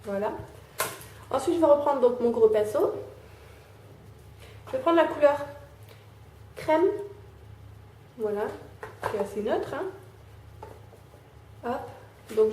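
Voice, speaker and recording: A young woman talking through a casual makeup tutorial, filling pauses with "euh" and "hein" as she applies makeup. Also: high-pitched, dark tone. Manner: chatty, fills with "euh" and "hein", talks while applying makeup. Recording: echoey room, faint background noise.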